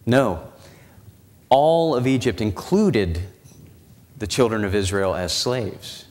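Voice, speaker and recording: A man in his forties preaching a sermon in a church, walking the platform and slowing down, dropping his voice low for dramatic emphasis. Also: very animated, a little mellow. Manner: walks the platform, gesturing as he preaches. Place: church sanctuary. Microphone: lapel mic and pulpit mic. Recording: church hall reverb.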